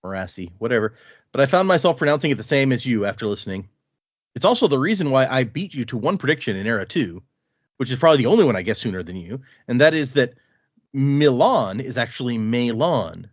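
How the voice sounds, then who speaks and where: A podcast host reads a listener's email aloud in a mid-pitched voice that rises and falls freely. He often stops to toss in lively comments of his own before returning to the letter. The recording is close and dry, with no room sound and a slightly dull, lo-fi quality.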